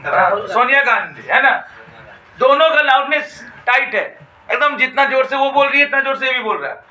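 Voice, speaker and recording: Male teacher lecturing in a classroom, really high bright voice, echoey room, repeats stuff and quizzes the kids. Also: expressive, far from the mic. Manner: dictates slowly, repeats phrases, asks students questions. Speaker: physics teacher.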